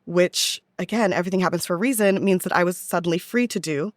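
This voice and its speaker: Talking fast in a lowish voice, a young American podcast guest spins casual, chatty stories in the manner of a touring theatre actress. The recording is dry and studio quality.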